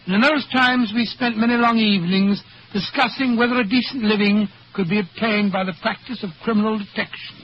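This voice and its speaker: A man's voice: sits high, fairly even intonation, fairly quick, few pauses, close to an everyday voice. An actor playing an elderly, genial British doctor telling his memories in an old-fashioned, avuncular 1940s radio style. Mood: grave reminiscing. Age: older. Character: elderly, genial, lonely English doctor reminiscing. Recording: dull, hissy 1940s radio recording.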